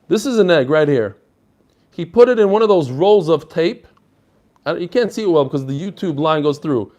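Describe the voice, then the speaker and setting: A man's voice: on the high side, expressive, moderate pace, a little mellow. A man giving an informal religious lesson as a rabbi, explaining conversationally and posing rhetorical questions. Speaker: rabbi teaching a daily Talmud class.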